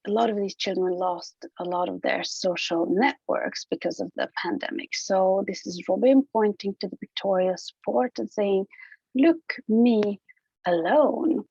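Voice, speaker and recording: A middle-aged woman from Hungary, a professor giving an online conference talk in a relaxed, searching way with fillers and restarts. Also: medium pitch, vocal fry, slightly rough, no echo. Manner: informal, thinking aloud with fillers and restarts. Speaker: professor presenting research. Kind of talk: conference presentation. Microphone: online talk over a computer mic. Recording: dull, dry lo-fi audio.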